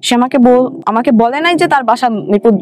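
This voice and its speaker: Speaking at a moderate pace, this young adult woman has a voice on the high side with a darkish tone. She is an interview guest with a Bangladeshi Bengali accent, recounting her own story casually with some English thrown in while music plays behind her.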